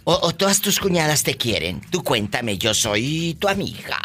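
A man hosts a live radio show from the studio. He talks in a sassy, theatrical way, and his voice swoops all over in pitch. The tone is bright and sharp. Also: big pitch swings, normal speed, a little hiss or hum. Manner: playful, theatrical, sassy advice. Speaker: radio host.

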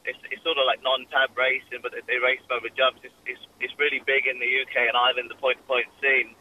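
A man's voice: medium pitch, little pitch movement, quick pace, bright, forceful tone, a little hiss or hum, poor audio. A young Welsh man chatting casually in a radio interview, full of fillers and restarts. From Wales. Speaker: jockey guest.

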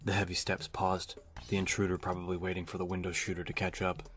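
A man reading a novel aloud as an audiobook narrator, telling the story in a steady, even way. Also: sits low, quick pace. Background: music.

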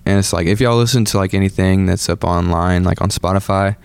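Deep, creaky, and darkish, this clean voice belongs to an Atlanta musician in his twenties who talks briskly with a steady tone. As a guest in a casual interview, he's laid-back and leans heavily on "like" and "um." The recording has no echo.

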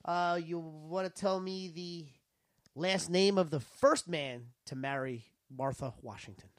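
A man's voice: fairly high pitch, no echo, clean studio sound. A man hosting a trivia podcast, asking questions and explaining in casual, chatty talk. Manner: chatty, explaining, quick to laugh. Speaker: podcast host, quizmaster.

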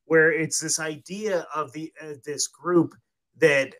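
Male podcast host, somewhat high-pitched, loose and rambling. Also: steady tone, slow, a bit bright, rough recording. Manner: rambling, laid-back, full of "like" and "dude". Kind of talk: casual podcast conversation.

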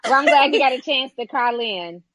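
A woman's voice: high-pitched, animated, brisk, a bit bright, dry recording. A woman hosting a live call-in show in a casual, polite, conversational way. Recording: slightly dull, lo-fi sound.

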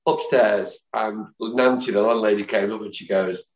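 A man in his fifties, his voice sitting on the low side, spins a loose, chatty tale as a podcast guest. He wanders through his stories with asides and quick put-on voices for the people in them. The room around him is noticeably echoey. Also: fairly even intonation. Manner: rambling, chatty storyteller who acts out quotes. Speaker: guest, fan songwriter. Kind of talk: anecdotal storytelling in a podcast chat. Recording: roomy echo.

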